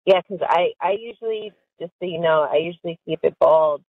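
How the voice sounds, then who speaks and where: A woman's voice: fairly low pitch, a little fast. Chatty giggly woman on a prison phone. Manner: chatty, giggly, full of fillers like "like". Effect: recorded prison phone call. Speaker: caller to an inmate. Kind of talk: casual phone chat. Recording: tinny, dry phone line.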